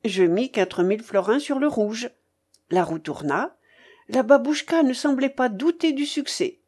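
Casting: woman audiobook narrator, unhurried, mellow tone, lively melody. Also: a little high, husky. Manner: expressive, deliberate reading. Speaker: audiobook reader. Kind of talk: scripted narration.

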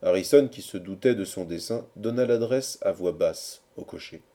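A man narrating a novel aloud in an expressive, measured storytelling manner. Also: low-pitched. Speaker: audiobook narrator. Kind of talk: scripted narration.

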